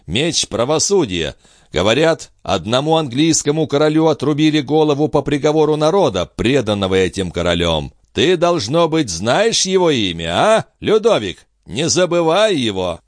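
Male narrator doing a grim revolutionary man, menacing, raised voice, slow weighty threats. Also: a little high, sing-song, dry recording, studio quality, voice pushed up. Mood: threatening. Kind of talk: audiobook character voicing.

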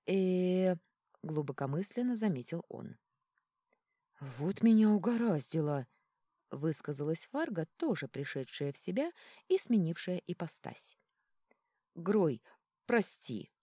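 Low, husky woman reading a story. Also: no echo, studio quality. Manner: lively storytelling with acted character lines. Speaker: audiobook narrator. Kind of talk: expressive audiobook narration.

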